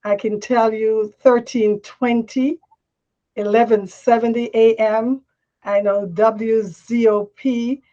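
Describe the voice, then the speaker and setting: A woman's voice: a little high, level tone, slow, dark tone. An older woman from Jamaica, a mayor running for office, answering firmly and with self-assurance in a panel interview. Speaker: mayor and candidate. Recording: dull lo-fi sound.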